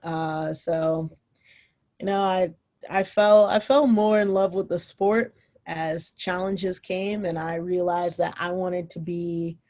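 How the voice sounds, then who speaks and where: A woman's voice: on the low side, fairly even intonation, slow pace, darkish tone. A young woman, a former college footballer, casually telling her story as a podcast guest, with many fillers and restarts.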